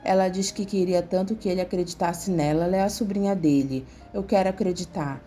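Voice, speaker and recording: Low-voiced Brazilian woman narrating recaps. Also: fairly even intonation, fairly quick, warm tone. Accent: Brazilian Portuguese. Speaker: soap opera recap narrator. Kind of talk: scripted narration. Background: faint music.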